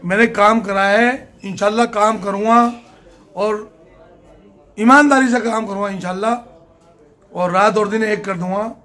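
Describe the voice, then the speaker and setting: An older man answers interview questions in a plain, emphatic way, often saying a point twice. His voice sits high for a man. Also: fairly even intonation, unhurried, pauses often, sharp tone. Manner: plain-spoken, emphatic, repeats himself. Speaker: political candidate.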